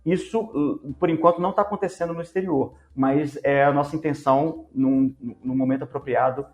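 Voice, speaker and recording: A Brazilian man with a fairly high voice gives measured interview answers about his startup. He speaks with a Brazilian Portuguese accent. He hesitates often, restarting and repeating words as he finds his phrasing. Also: fairly even intonation, darkish tone, soft background music. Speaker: startup co-founder, guest.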